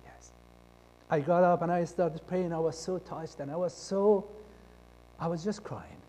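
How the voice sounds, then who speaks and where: Casting: man from Iran, high voice, telling his testimony, acting out the dialogue, loud one moment and hushed the next. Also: a little slow. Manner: acts out quoted dialogue, shifting between loud and hushed. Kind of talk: personal testimony storytelling. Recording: long reverb of a large hall.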